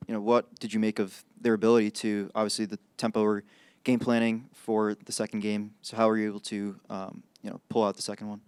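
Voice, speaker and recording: A man's voice: on the low side, flat delivery, a little fast, a little mellow, smooth, no room sound. A man reporter asking a hesitant, filler-laden question at a press conference.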